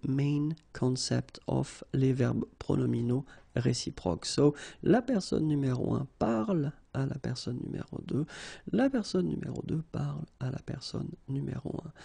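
A man with a French accent teaches a French grammar lesson patiently, checking in with the listener as he goes. His voice is strongly gravelly and husky, with a dark, mellow tone. It sits a little higher than most men's. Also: animated, moderate pace. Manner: patient, explanatory, says "okay" often. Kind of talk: language lesson explaining grammar.

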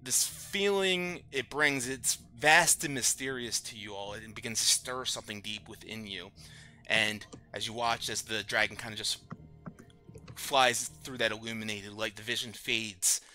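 Low, very bright-voiced man narrating fantasy. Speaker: game master. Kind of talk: narrating a tabletop fantasy game.

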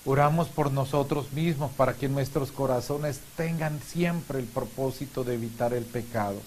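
Male priest, 50s, mid-range voice, measured and solemn homily and prayer delivery, hissy recording. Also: mid-range voice, darkish tone. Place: small indoor chapel room. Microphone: lapel mic. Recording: clear background hiss.

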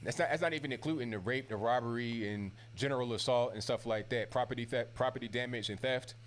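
Man, assertive debater, rapid delivery, noisy clip playback. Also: medium pitch. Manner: assertive, lists points quickly. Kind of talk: debate argument.

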